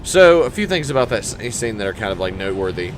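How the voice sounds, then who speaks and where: A man with a fairly low voice talks quickly, his pitch swinging widely as he offers casual, geeky, excited commentary on a video game he's playing. Loud game music and vehicle noises fill the background.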